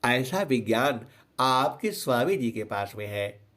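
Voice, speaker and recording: Slow-speaking man preaching a spiritual sermon. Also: mid-range voice, lively intonation, a bit bright. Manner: storytelling, slow drawn-out chanting of couplets; frequent filler "जो है". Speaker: satsang preacher. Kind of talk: devotional sermon with sung verses.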